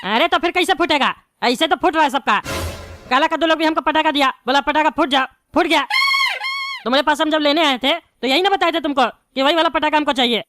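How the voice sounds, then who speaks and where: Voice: high voice, a little fast, noisy background, natural voice. A voice actor playing a bald, hot-tempered male politician in a cartoon, given to angry, threatening rants. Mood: blustering. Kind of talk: cartoon voice acting.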